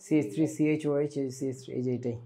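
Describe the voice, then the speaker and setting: A young man with a Bangladeshi Bengali accent teaching a chemistry class online, lively and full of questions to his students. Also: on the high side, very fast. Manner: lively, asks students questions often, mixes English words.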